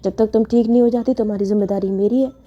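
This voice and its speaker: A woman's voice: fairly high pitch, steady tone, fast talker, natural voice. A woman storyteller voicing a bossy, protective wife who gives firm, clipped orders. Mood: insistent. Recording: dull lo-fi with faint music.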